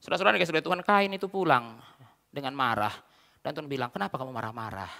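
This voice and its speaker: A male pastor preaches at a racing pace, his pitch leaping high and low as he fires rhetorical questions at the congregation. His voice is bright and gravelly. A long church reverb trails behind every phrase. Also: expressive, fast. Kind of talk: sermon. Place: church sanctuary.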